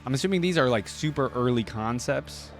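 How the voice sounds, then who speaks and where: He's the host of a game reaction channel, reacting casually and talking informally right to his audience. The medium-pitched voice is animated and brisk, with music from the watched video in the background.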